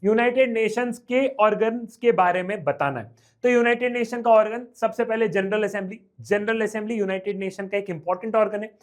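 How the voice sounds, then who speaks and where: A young man teaching an exam revision lecture, lively and repetitive, often checking whether the class has understood. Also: high-pitched. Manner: reads English lines slowly, then explains quickly.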